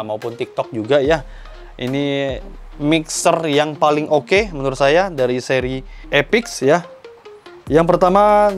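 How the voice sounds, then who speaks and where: Man, enthusiastic product review, slightly high voice, soft background music. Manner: enthusiastic, explanatory, addresses viewers as friends. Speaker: audio shop owner reviewing a mixer.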